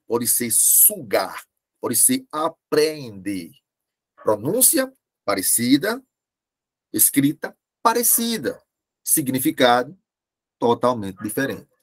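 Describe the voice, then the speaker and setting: Lively male teacher. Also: mid-range voice, husky. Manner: slow, deliberate, repeating key words for students. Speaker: Portuguese language teacher. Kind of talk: online class lecture.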